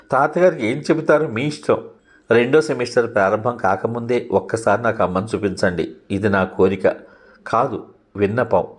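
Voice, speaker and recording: A man's voice: lowish voice, lightly acted. A man voicing a teenage girl who pleads in a trembling, tearful voice, in a read-aloud novel. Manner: trembling, sobbing pleas.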